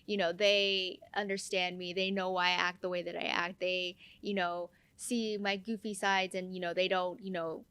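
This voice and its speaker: A woman's voice: lowish voice, level tone, moderate pace, hardly any pauses, a bit bright, clear, resonant tone, no echo. A woman guest on a podcast, a nurse, talking casually with lots of fillers and restarts. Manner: chatty, many fillers and restarts. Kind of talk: casual conversation.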